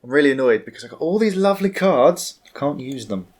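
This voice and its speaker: A man's voice: on the high side, lively intonation, quick pace, darkish tone. A man grumbling good-naturedly through a casual tabletop game. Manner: grumbling, self-deprecating. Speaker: board game player. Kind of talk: casual tabletop play chat.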